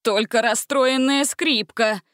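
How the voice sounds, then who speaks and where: A woman's voice: fairly low pitch, little pitch movement, unhurried, fairly bright tone, clean tone, no room sound. A fearful boy who grumbles and complains in a sullen tone, voiced by a woman reading a storybook. The reading is close and dry. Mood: gloomy.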